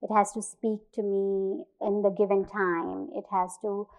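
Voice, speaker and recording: A woman from India, an artist, giving a thoughtful talk about her work, pausing often with fillers and restarts. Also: mid-range voice, level tone, darkish tone, low-quality recording.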